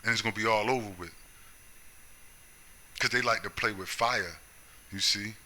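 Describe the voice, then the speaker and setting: An American video commentator with a lowish voice speaks at a normal pace, his tone bright and forceful. His solo monologue is confrontational and profane, and he drives his points home with "right?" and "you see?"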